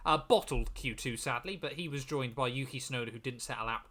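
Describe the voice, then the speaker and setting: A man's voice: mid-range voice, quick pace, sharp tone. A young man co-hosting a casual motorsport podcast, chatty and self-mocking. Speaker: podcast co-host. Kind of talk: casual chat.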